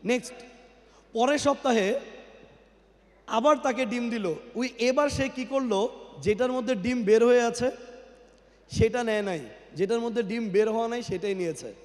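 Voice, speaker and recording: At a company event, a male guest speaker with a high, darkish voice gives a motivational speech at normal speed, pausing often. He tests the crowd with questions and blends in English words. The large indoor hall gives his PA microphone a long, cathedral-like echo.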